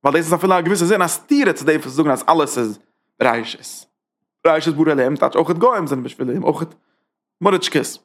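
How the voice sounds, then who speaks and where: A man's voice: fairly high pitch, lively intonation, a little fast. A man teaching a Torah class as a rabbi, driving his points with rhetorical questions and emphatic repetition. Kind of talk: Torah lecture.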